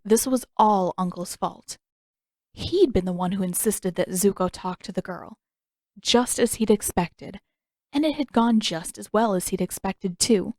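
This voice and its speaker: A woman with a medium-pitched, darkish voice reads scripted fiction expressively, storyteller style. She is a podfic narrator and author, recorded on a close microphone in a dry room with no echo.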